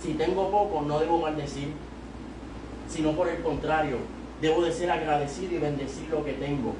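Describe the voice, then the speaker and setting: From the pulpit of a small church, a young adult evangelist from Puerto Rico speaks at normal speed in a steady tone, his voice on the high side with a Puerto Rican Spanish accent. Holding a handheld mic, he exhorts a youth service toward loud, emphatic peaks, captured by a far camera in an echoey, noisy room.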